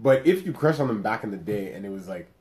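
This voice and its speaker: A young adult man co-hosting a podcast, telling a story in casual chat with lively, laughing energy. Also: lowish voice, fast. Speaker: podcast co-host.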